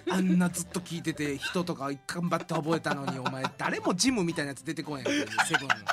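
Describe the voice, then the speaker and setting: A man with a Kansai accent hosting a comedy podcast, bantering with rapid-fire teasing retorts and frequent laughter. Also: on the high side, lively intonation. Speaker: podcast host.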